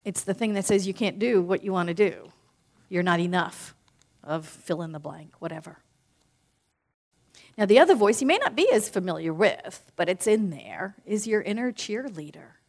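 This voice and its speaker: Expressive woman leading a guided reflection. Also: mid-range voice, moderate pace. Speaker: spiritual speaker leading a group. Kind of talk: guided reflection in a live talk.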